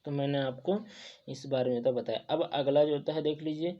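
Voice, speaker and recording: A man's voice: fairly high pitch, fairly even intonation, a little fast. A young man teaching an exam-prep lesson, talking through a whiteboard and stuffing almost every phrase with habitual fillers. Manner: filler-heavy, repeats "jo tha" and "jo hota hai". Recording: dull lo-fi sound.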